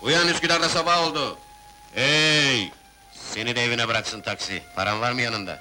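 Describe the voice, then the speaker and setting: A sharp, forceful and fairly low male voice. He is a streetwise film character, exasperated and sardonic, grumbling and teasing in colloquial phrases. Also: steady tone, fast, faint music behind, low-quality recording. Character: exasperated, sardonic streetwise man helping a drunk girl. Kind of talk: dramatic film dialogue.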